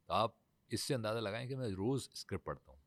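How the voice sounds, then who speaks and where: A man's voice: lowish voice, animated, a bit bright, dry recording. A man, a voice-over artist telling stories in a formal, emphatic way in a casual studio talk.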